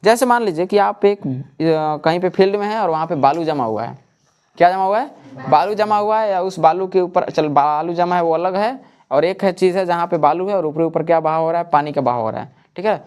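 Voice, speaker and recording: In a coaching classroom, a man delivers a lecture, repeatedly posing questions to the class and answering them himself. His voice is high-pitched and a bit fast, with a darkish, clear, resonant tone.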